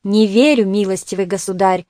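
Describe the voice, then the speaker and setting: A woman reading an audiobook voices a wheezing, gouty old male clerk who pleads hoarsely and fervently. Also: mid-range voice, moderate pace, warm tone, no room sound, studio quality, natural voice. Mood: agitated.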